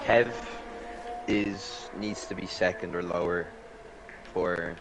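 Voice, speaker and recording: Low-voiced, halting male motorsport co-commentator. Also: fairly even intonation. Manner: tentative, halting delivery with many 'like' fillers. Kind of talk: casual race analysis. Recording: clearly noisy, engine sound behind the voice. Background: racing car engines from the game.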